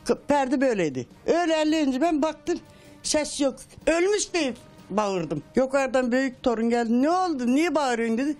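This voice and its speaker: A woman's voice: sits high, lively intonation, moderate pace, a little mellow, soft background music. An older widow giving emotional testimony in her home, retelling events and acting out the quoted dialogue in a raised voice.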